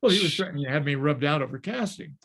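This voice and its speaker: Older male guest, gravelly voice pitched a bit high, lively storyteller who chuckles often. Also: racing. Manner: lively, chuckling, acts out the people he quotes. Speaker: guest, former studio story editor and screenwriter. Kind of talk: anecdotal storytelling in an interview. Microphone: video call.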